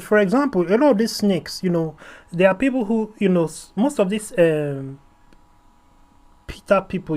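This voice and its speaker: A man hosting his own review show, talking in a rambling, opinionated way full of fillers. His voice sits fairly high for a man. He speaks bluntly and circles back on his points. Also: a little mellow. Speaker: host and series reviewer.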